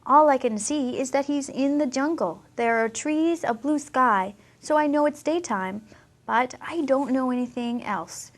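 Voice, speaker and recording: A woman leads a children's reading lesson at an unhurried pace. Her voice sits a little high, and she speaks expressively and keeps asking her young listeners questions. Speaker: English teacher.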